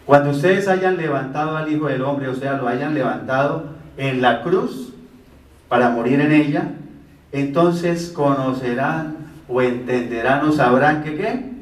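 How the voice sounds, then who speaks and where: A man's voice: medium pitch, unhurried. A man teaching the Bible as a preacher, explaining verses step by step and answering his own rhetorical questions. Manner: poses rhetorical questions and answers them himself. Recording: roomy, from a distance.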